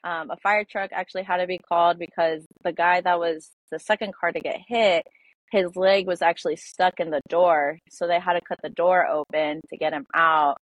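A woman's voice: lowish voice, steady tone, normal speed, dry recording, rough recording. A young woman in her twenties, a podcast guest, telling a personal story in a casual way with many fillers.

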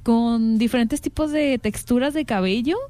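A woman's voice: fairly high pitch, normal speed, dark tone. A young woman with a Mexican accent, co-hosting a casual panel chat and thinking aloud with frequent fillers. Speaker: podcast co-host.

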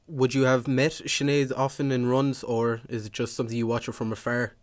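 A man's voice: medium pitch, level tone, fairly quick, no room sound, clean studio sound. A man asking questions as the interviewer in a conversational sports interview.

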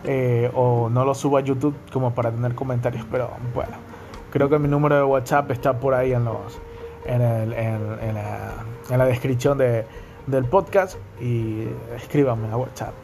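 A young podcast host from Guayaquil, with a coastal Ecuadorian accent, delivers a casual, chatty monologue, often checking in with listeners by repeating "¿me entienden?" His mid-range voice is steady, moderately paced and a little mellow, with slight background noise.

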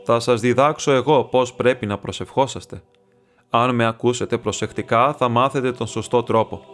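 A man voicing an elderly bishop who speaks in a solemn, measured, instructive way over faint background music. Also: medium pitch, steady tone, close to an everyday voice. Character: elderly male bishop, earnest patient teacher.

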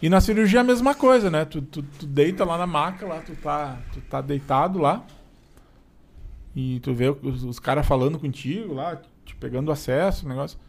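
A man's voice: a little high, moderate pace. A man with a southern Brazilian Portuguese accent, telling his experiences in a casual, colloquial podcast chat and acting out bits of dialogue. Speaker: podcast guest. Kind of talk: casual conversational storytelling.

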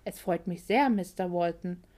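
A woman voicing an excitable, scatterbrained young heroine in a storybook reading, lively and easily flustered. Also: lowish voice, moderate pace, pitched below the performer's own voice, natural voice.

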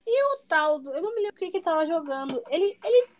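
A woman, telling a story in casual chat with a mocking, lively manner. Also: very high voice, very fast. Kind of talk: casual chat about gaming.

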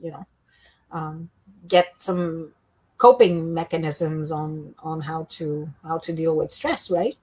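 A woman's voice: deep voice, steady tone, slow pace, a little mellow, breathy edge. Casting: middle-aged woman, co-host, tired and yawning, rambling easy chat. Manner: rambling, with many restarts and fillers. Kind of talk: casual chat.

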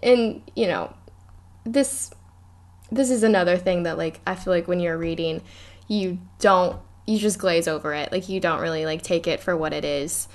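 A woman co-hosting a casual book podcast, chatting and reading passages aloud with animated energy. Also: on the low side, normal speed. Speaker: podcast co-host. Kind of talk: casual book-club chat.

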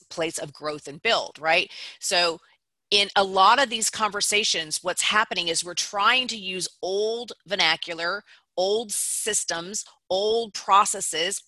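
Woman founder guest, bright and dry-voiced, emphatic and explanatory. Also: mid-range voice, no echo. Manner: emphatic, explains ideas step by step with rhetorical "right?". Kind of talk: interview guest speaking.

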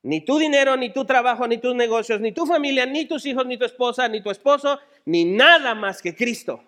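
A Mexican man preaching a sermon as a pastor, dramatic, moving between shouted appeals and hushed tones. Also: extremely high pitch, a little fast.

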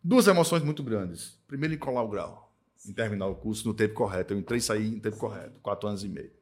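A man from Northeast Brazil who runs an accounting firm, talking in a casual podcast conversation, emphatic and repetitive, tagging his points with quick checks for agreement. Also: lowish voice, a little mellow, breathy edge. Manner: emphatic, repeats himself, tag questions "tá?" and "né?".

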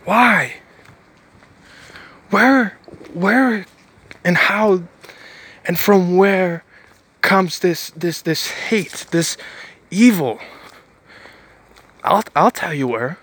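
A man's voice: high-pitched, animated, drawn-out words, pauses often, fairly bright tone, slightly rough. A man giving a preachy motivational monologue, stressing points by repeating phrases and often restarting his sentences. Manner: rambling with frequent restarts.

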